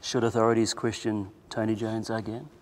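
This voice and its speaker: A male interviewer asking calm, probing questions. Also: lowish voice, moderate pace.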